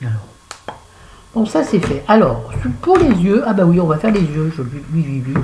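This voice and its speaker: A woman's voice: fairly low pitch, sing-song, moderate pace, darkish tone, a little hiss or hum, poor audio. A French woman chatting casually through a make-up tutorial, talking to viewers and to herself as she works. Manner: chatty, talks to herself while working. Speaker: beauty vlogger.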